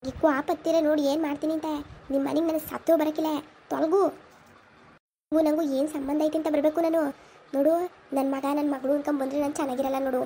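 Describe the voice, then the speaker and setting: A woman playing a bitter village mother, high voice. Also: little pitch movement, fast talker, mellow, a little hiss or hum. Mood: threatening. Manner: scolding, cursing, emotional. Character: bitter rural mother abandoned by her husband.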